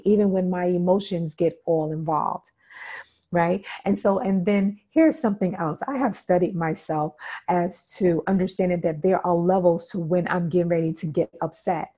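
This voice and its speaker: A woman's voice: fairly low pitch, warm tone. A woman instructor giving an interactive workshop talk, emphatic and repeating key points while often checking in with her listeners. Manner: emphatic, checks in with "okay?" and "right?".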